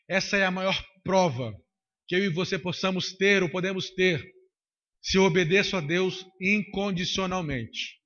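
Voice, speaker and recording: High bright preacher. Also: male voice. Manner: emphatic, repetitive. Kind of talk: sermon. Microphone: handheld microphone. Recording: dull lo-fi recording.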